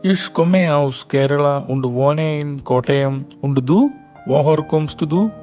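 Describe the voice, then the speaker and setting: A man with a somewhat high voice leads a beginner language lesson, speaking at a very slow, deliberate pace. He says each line of a simple dialogue twice so learners can follow and repeat. Faint instrumental music plays underneath. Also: mellow, dull audio. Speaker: German language teacher.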